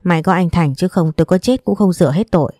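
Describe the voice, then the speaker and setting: A hot-tempered aunt in a storybook, vehement and full of curses, as a woman narrator puts her on. The voice is low and dark, and the recording is dry. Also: fast, dry recording, faint music behind, lightly acted. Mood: furious. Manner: cursing, vehement. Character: fiery aunt, furious and guilt-ridden.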